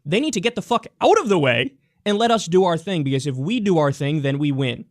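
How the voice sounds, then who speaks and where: A man's voice: on the high side, sing-song, fairly quick, no room sound, clean studio sound. A man hosting a political commentary show, delivering a heated, blunt, profane solo rant.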